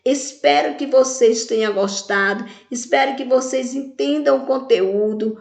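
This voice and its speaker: A woman's voice: sits high, measured pace, creaky, echoey room. A woman teaching children in a recorded video lesson, asking questions and answering them herself while stretching words out syllable by syllable. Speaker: primary school teacher.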